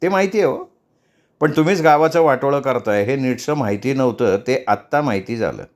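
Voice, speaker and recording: A man's voice: mid-range voice, expressive, fairly quick, lightly acted. A man voicing a brash, mocking police inspector in a spoken story, with a taunting, sarcastic manner.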